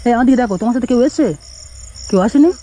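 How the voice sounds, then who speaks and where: An adult outdoors at night by a road, coaxing a lost child with quick, repeated questions. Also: medium pitch, lively intonation, warm tone, a little hiss or hum. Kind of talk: casual unscripted night vlog.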